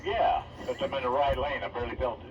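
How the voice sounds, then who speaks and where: A man's voice: medium pitch, fast. A man who drives a truck, chatting casually over a CB radio in drawling trucker slang. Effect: heard over a CB radio. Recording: distant muffled CB radio with heavy static.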